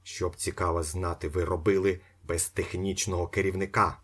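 A man's voice: little pitch movement, a little fast, a bit bright, breathy edge. A man voicing a sly, self-assured young con man who talks smugly and needles others. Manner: smug, needling, sometimes hissing low.

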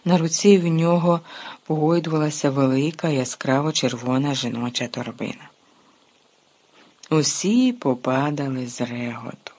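An audiobook narrator reading a story with lively, expressive delivery that rises and falls in loudness. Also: mid-range voice, normal speed, slightly rough.

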